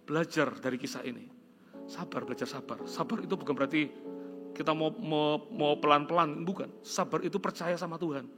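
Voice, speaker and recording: A middle-aged man from Indonesia preaching a sermon, telling a story earnestly and dropping to soft, prayerful tones. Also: on the high side, a little fast. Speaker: pastor. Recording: music playing behind. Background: soft guitar music.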